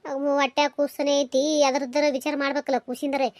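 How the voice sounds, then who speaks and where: A woman doing a fussing village mother, high and fast. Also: flat delivery, darkish tone, dry recording, clean studio sound, natural voice. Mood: coaxing. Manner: coaxing, nagging, talks over and over. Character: fussing village mother, older, caring and scolding. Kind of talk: cartoon voice acting.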